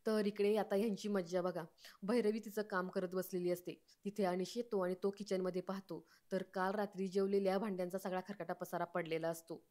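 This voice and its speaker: A woman's voice: medium pitch, level tone, fairly quick, warm tone. A woman narrating a recap of a TV serial episode in plain storytelling.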